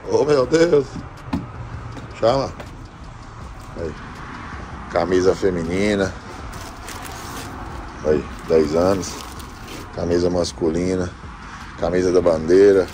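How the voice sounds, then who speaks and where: A man's voice: low voice, noisy background. A man in his thirties vlogging on a phone held at arm's length, joking and rambling in slang. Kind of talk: casual vlog chat. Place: outside a shop at dusk, then inside.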